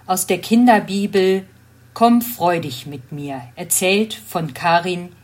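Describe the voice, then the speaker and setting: A woman reading a children's Bible story aloud, in a clear, gentle storytelling manner. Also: lowish voice, takes it slowly. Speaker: reader.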